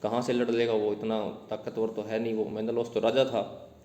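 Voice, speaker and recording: A man teaching a poem to his class, explaining each line in Hindi mixed with English terms and reading the verse slowly. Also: fairly low pitch, level tone, warm tone. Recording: echoey room, long reverb.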